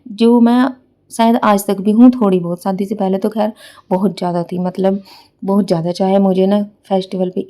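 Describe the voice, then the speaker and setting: A woman's voice: medium pitch, warm tone. A middle-aged woman narrating a casual family vlog, rambling and chatty with lots of fillers. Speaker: vlogger.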